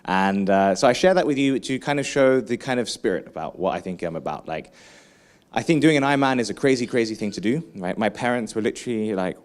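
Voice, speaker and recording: A man giving a lively conference keynote, engaging the audience with questions and frequent asides. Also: on the low side, fast talker. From England. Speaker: keynote speaker.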